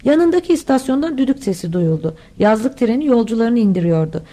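A woman narrating an audiobook with a mellow, warm tone and a voice pitched a little high for a woman. She reads steadily and dips lower when she does the characters. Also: sing-song, brisk. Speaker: audiobook reader.

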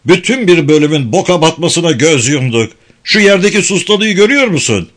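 A man's voice: mid-range voice, lively intonation, moderate pace. A man voicing a flustered, panicking male prison guard in an audiobook. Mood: shouting. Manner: stammering, then shouting.

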